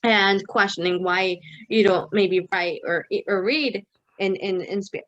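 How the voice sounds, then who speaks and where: A young American woman, a company co-founder, talks casually as an interview guest in Mexico City, rambling with many fillers and restarts and dropping in Spanish words. Her mid-range voice is a little slow and fairly bright, recorded with lo-fi sound.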